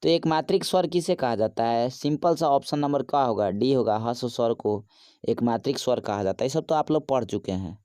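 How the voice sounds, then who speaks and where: A man's voice: mid-range voice, animated, brisk, mellow, smooth, no echo, clean studio sound. A man, a teacher talking through a quiz lesson in a casual, chatty way and asking viewers for likes.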